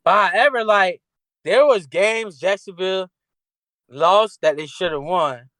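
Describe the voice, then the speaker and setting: A man's voice: sits high, unhurried, sharp tone, no room sound. A man co-hosting a sports podcast in loose, slangy casual talk, often restarting his sentences. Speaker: podcast co-host.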